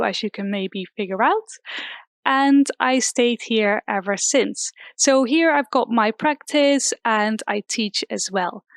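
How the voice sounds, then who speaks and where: A woman's voice: fairly high pitch, dry recording. A young woman from the Netherlands, an art teacher, explaining drawing basics step by step with some fillers, recorded in a hairdresser's salon used as a temporary studio. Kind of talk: drawing lesson demonstration.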